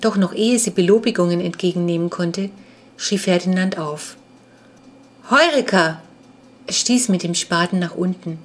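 A woman narrating a children's adventure book aloud in an even, clear storytelling manner. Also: lowish voice, normal speed. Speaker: audiobook narrator.

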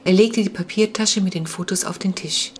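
A woman reading aloud her own children's novel as an audiobook, calm and measured. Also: mid-range voice, husky.

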